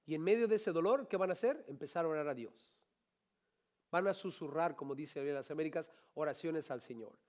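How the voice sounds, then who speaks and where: A pastor delivering a lively sermon, his voice sitting a little high for a man. He keeps turning to the congregation with rhetorical questions and mixes in playful, joking asides. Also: brisk.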